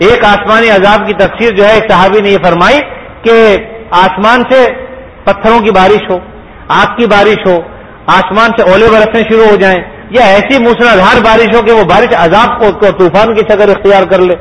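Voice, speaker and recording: A man with a fairly high, slightly bright voice and mostly even intonation gives a sermon as an Islamic preacher. He explains things patiently and poses rhetorical questions to his listeners. The recording quality is low.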